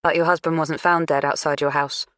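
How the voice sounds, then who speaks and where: A woman reading an audiobook, voicing a calm, firm, businesslike female police detective. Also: low voice, a little fast, no echo.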